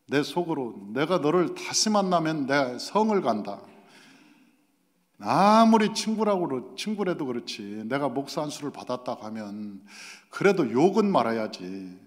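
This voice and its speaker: A middle-aged male pastor preaching a sermon, telling stories and acting out the quoted dialogue with animation. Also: medium pitch. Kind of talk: sermon with storytelling. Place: church sanctuary. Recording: long reverb of a church hall.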